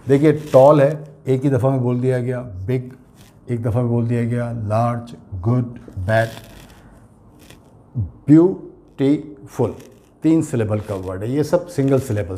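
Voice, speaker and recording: A man's voice: medium pitch, moderate pace, warm tone. A man with an Urdu accent teaching English grammar, explaining patiently and spelling words out letter by letter. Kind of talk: classroom grammar lesson.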